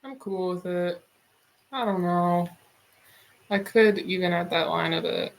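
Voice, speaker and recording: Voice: medium pitch, steady tone, a little slow, gravelly. A streamer in a casual drawing stream, musing aloud and swearing casually.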